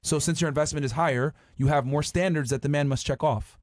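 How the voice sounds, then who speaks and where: Blunt, fast-talking man quizzing guests. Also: a little high, a little mellow, no room sound, clean studio sound. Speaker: podcast host. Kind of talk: confrontational debate on dating. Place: podcast studio.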